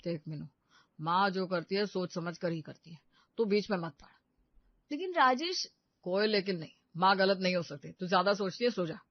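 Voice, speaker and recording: A dismissive young husband, curt and firm, put on by a woman. The voice is a little lower and quieter, with a dull, dry recording. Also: expressive, normal speed, no echo.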